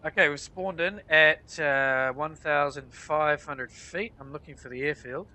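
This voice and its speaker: A man's voice: on the high side, a little slow, pushed and bright. A man with a nasal, blocked-up voice from a head cold, giving casual explanatory commentary as he plays a flight simulator. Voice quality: nasal, congested. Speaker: flight sim player narrating a tutorial.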